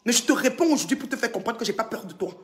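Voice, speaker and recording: A woman from Cameroon in an angry social media rant, scolding and mocking, swinging between loud outbursts and low mutters. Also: animated, rapid-fire.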